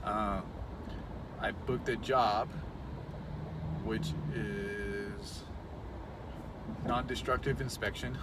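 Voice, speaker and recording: A man's voice: on the low side, fairly even intonation, very slow, pauses often. A man in his thirties talking casually to camera from his car in traffic, rambling and self-conscious with many restarts. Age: 30s. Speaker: vlogger. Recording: loud road noise, mic far off.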